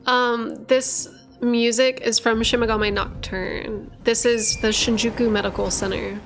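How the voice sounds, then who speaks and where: A woman streamer and lore channel host chats casually and ramblingly with viewers, full of fillers and self-corrections, tired after hours of streaming. Her voice is on the high side and creaky, level in tone and measured in pace, with faint music behind.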